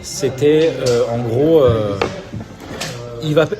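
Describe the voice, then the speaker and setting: A man's voice: mid-range voice, takes it slowly, music in the background. A man with a French accent talking boxing in a casual podcast chat, hesitant, restarting his sentences with fillers. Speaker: podcast co-host.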